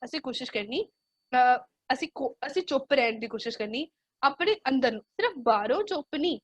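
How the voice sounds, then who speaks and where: A woman's voice: high-pitched, animated, fairly quick, no room sound. A woman with a Punjabi accent giving an earnest motivational talk to students, often slipping English words into her speech. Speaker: guest speaker.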